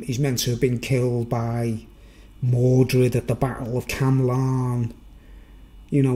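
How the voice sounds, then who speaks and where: A vlogger from the Wirral in north-west England talks to viewers in an informal, rambling, unscripted monologue, often tacking on questions for agreement. He has a Merseyside accent and a medium-pitched, dark voice.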